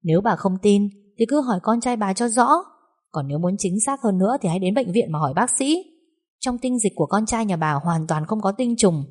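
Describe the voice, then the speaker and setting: A woman voicing a sharp-tongued, defiant young daughter-in-law in an audiobook story. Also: medium pitch, lively intonation, brisk, natural voice. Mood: defiant scorn. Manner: cutting, defiant.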